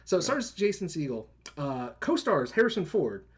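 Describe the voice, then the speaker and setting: A man's voice: on the high side, very animated, normal speed, slightly rough. A man co-hosting a live movie podcast, recapping plots in rambling casual chat full of "like" and "right?", acting out characters' lines. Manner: rambling, filler-heavy, lots of "like" and "right?"; acts out characters' lines in quotes. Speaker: podcast co-host.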